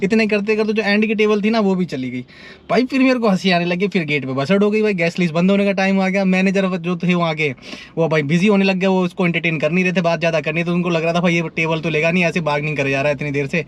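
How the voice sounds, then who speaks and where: Fast-talking Delhi vlogger man, chatty. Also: sits high. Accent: Delhi Hindi. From India. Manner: chatty, keeps saying "bhai", laughs while telling a story. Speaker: nightlife vlogger. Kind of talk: casual vlog storytelling. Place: in and around a car on city streets.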